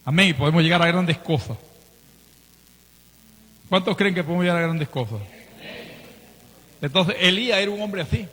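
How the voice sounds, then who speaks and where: A male pastor with a Nicaraguan accent preaching a sermon, telling stories with swings in pitch and volume. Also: normal speed, long pauses, a bit bright. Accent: Nicaraguan Spanish. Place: church. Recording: reverberant church hall.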